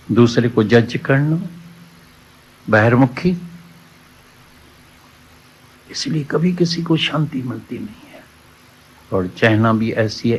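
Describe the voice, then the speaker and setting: A man's voice: mid-range voice, breathy edge. A man giving a satsang sermon, preaching with repeated key words and quoted scripture lines, on dull lo-fi audio. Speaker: spiritual teacher. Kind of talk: Hindi satsang sermon with a told parable.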